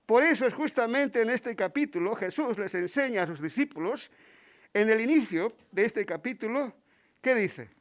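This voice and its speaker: A man's voice: high-pitched, lively intonation, moderate pace. A man with a Spain Spanish accent preaching a Sunday sermon in church, stopping to ask the congregation rhetorical questions. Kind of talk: Sunday sermon with Bible readings.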